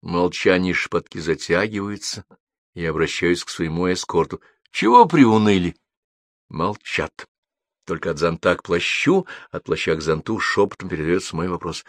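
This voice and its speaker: A man's voice: deep voice, fairly even intonation, normal speed, fairly bright tone, no echo, studio quality. A man narrating a literary story expressively, with a rhythmic, repetitive telling. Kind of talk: literary reading.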